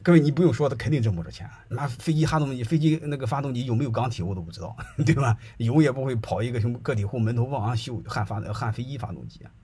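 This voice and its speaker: Husky-voiced middle-aged male storyteller, chatty and colloquial, keeps checking in with the audience. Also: medium pitch, quick pace, hardly any pauses, mellow. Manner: chatty, colloquial, often checks that listeners follow. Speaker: speaker telling anecdotes.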